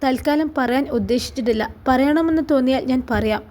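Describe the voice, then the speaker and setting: A woman playing a calm, devout young mother. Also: high voice, brisk, natural voice. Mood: firm.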